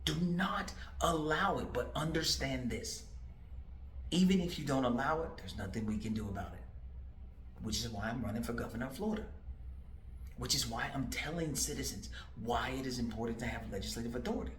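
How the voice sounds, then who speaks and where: A man's voice: medium pitch, moderate pace, a bit bright, slight background noise. A man in his forties, a political candidate, talking straight to the viewer in an emphatic, repetitive way full of rhetorical questions. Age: 40s. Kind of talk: direct-to-camera political commentary. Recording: roomy echo.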